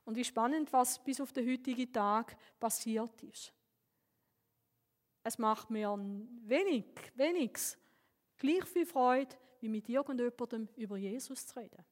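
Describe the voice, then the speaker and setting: A woman pastor with a Swiss German accent delivers a sermon, weaving in personal stories. Her voice sits a little high and she speaks earnestly, with lively lifts of emphasis. Her words carry a long reverb from a church hall. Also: measured pace.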